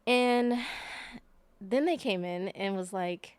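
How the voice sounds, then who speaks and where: A woman's voice: medium pitch, slow pace, darkish tone, smooth, no room sound. A woman guest on a podcast, telling a personal story in a rambling, casual way with many fillers and self-corrections.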